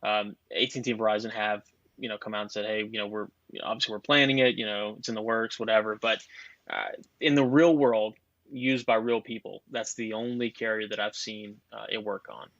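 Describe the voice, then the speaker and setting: A man's voice: on the low side, steady tone, fairly quick, vocal fry, fairly bright tone, no echo, muffled recording. A man talking as a guest expert on a podcast, explaining technical details at length in a chatty, casual way.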